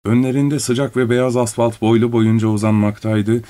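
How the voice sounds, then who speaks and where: A man narrating a story in a calm, measured way. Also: medium pitch.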